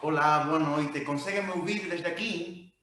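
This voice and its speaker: A man from Cuba with a Cuban Spanish accent, a native Spanish speaker mixing Portuguese and Spanish haltingly as he gives an informal talk. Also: a little high, pushed and bright, slight background noise. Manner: halting, searching for words. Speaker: project musician speaking at a talk. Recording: very echoey room.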